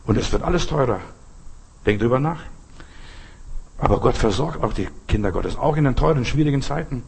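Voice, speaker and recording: A man's voice: medium pitch, lively intonation, a little fast, creaky, slight background noise. An older man, a pastor, preaching an earnest sermon and telling stories with acted-out quotes.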